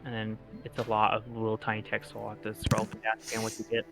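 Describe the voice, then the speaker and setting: A man acting as game master, explaining rules in a relaxed, rambling way and laughing often. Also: fairly low pitch, fast talker, creaky, over loud music. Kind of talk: running a tabletop game.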